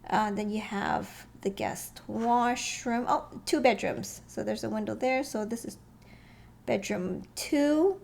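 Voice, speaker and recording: A woman's voice: medium pitch, takes it slowly, vocal fry, darkish tone. A woman casually thinking aloud as she walks through floor plans, hesitant and chuckling now and then. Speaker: real estate vlogger. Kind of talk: casual walkthrough commentary.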